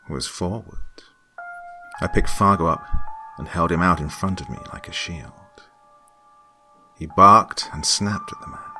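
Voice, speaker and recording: A man with a very low voice narrates a horror story. His delivery is hushed and creeping, sinking toward whispers. Music plays clearly behind him.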